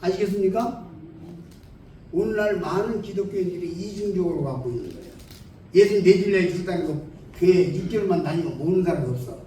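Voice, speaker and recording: A man with a high-pitched voice preaches an evangelistic sermon, speaking plainly and throwing questions at the congregation. He is heard from a distance across a strongly echoing church hall. A faint hiss sits under his voice. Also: fast talker, mellow. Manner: plain-spoken, keeps asking the audience questions. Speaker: lay preacher. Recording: very echoey hall, distant mic, faint noise.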